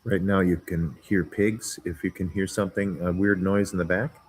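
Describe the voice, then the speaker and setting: A man vlogging outdoors on a jungle farm, chatting casually in a rambling, giggly, relaxed way. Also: low-pitched, moderate pace, husky. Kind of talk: casual chat.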